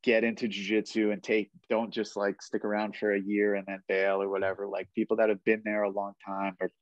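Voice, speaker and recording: A man hosts a podcast and chats casually in interview style, relaxed and rambling, leaning heavily on "like." His voice is fairly low and brisk, and the recording is muffled with no room sound.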